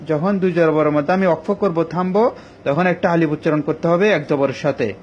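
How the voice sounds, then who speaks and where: A male teacher giving an online Quran recitation lesson, explaining each rule patiently and step by step with many pauses. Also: fairly high pitch, a little mellow. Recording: dull lo-fi recording with faint ambient noise.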